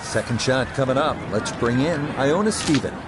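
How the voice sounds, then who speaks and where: A man doing golf commentary as lead announcer, calling the play in measured, short remarks. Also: medium pitch, animated. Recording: loud outdoor ambience, crowd noise behind.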